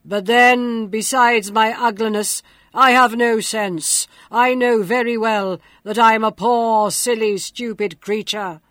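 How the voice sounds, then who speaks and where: A woman voicing a gentle, humble male beast who speaks loudly and draws his words out. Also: on the high side, steady tone, takes it slowly, no room sound. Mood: plaintive.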